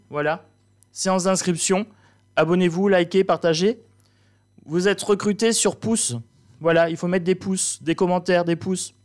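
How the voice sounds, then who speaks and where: A man hosting, playing a mock-stern schoolteacher in a comic, theatrical way. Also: high voice. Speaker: host. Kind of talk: comic teacher role-play.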